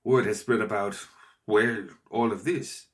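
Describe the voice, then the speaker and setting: A man voicing a polite, calculating gentleman visitor who speaks carefully and courteously, in an audiobook. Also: fairly low pitch, unhurried, close to an everyday voice. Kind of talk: audiobook character voice.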